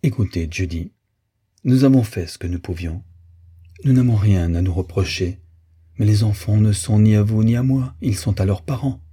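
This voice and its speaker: An older man in love speaks gently and earnestly, promising to protect. A man reads him in a low, very dark, husky voice close to his own. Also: normal speed.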